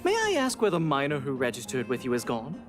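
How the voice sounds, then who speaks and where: A woman's voice: very deep voice, huge pitch swings, fast, a little hiss or hum, full character voice. An actress voicing a nervous, stammering female auction staff member in a video game. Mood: thinking.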